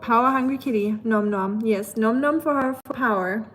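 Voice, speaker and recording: A young woman with a German accent hosts a livestream, speaking at a moderate pace in a fairly high voice. She chats casually and playfully, reading viewer messages aloud, laughing often and tossing in playful asides.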